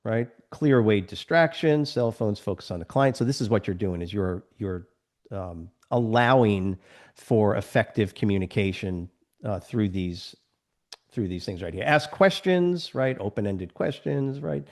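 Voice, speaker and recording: A man teaches a class over a video call and keeps checking that everyone follows. He often acts out short little scenes. His pitch jumps around a lot. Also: expressive, unhurried, a little mellow. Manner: acts out little scenes with other people's voices. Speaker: instructor. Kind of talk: live online lecture.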